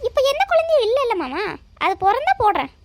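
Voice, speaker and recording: A defensive, sharp-tongued young cartoon husband who argues back and lectures, voiced by a woman. Her voice runs high for him. The sound is close and dry. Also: sing-song, fast, dry recording. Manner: argumentative, lectures his wife.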